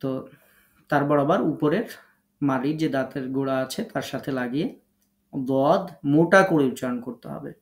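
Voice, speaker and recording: A man's voice: medium pitch, a little fast, echoey room. A man teaching an online class on how letters are pronounced, explaining patiently and step by step. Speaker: Quran recitation teacher.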